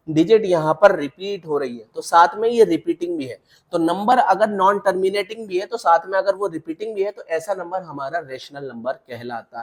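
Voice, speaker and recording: A man teaching a maths lesson, walking step by step through examples and checking in with the class. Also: high-pitched. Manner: repetitive checks with the class, mixing English terms into Hindi. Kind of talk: classroom lecture.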